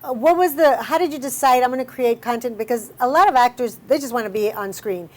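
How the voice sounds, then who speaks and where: A woman's voice: fairly high pitch, fast talker. Chatty woman hosting a talk show.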